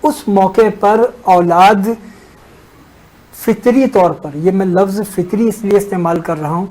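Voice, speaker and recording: A man as a religious scholar on a talk show, explaining a teaching in a measured way and unfolding a story with pauses. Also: sits high, a little mellow, poor audio.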